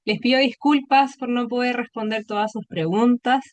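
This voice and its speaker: A woman's voice: fairly high pitch, steady tone, moderate pace, no echo. A woman moderating a webinar, courteously thanking the speaker and audience over a video call. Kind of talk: closing remarks.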